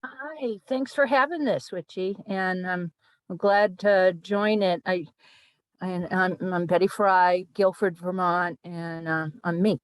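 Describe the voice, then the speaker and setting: Older lady on a zoom call, low-ish voice, halting and a bit emotional, dry sound. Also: no echo. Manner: halting, emotional, many restarts. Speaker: panelist. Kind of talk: video call introduction. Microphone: video call.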